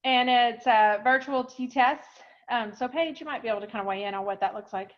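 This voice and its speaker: A woman's voice: on the high side, fairly quick. Chatty woman presenting a webinar. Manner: chatty, explanatory, lots of fillers. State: a little out of breath. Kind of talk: casual online webinar presentation. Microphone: video call. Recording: dull lo-fi online call audio.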